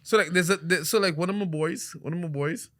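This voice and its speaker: Lively man telling stories. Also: fairly high pitch, a little fast. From Trinidad. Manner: animated storyteller, laughs often, many restarts. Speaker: podcast host. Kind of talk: casual podcast chat.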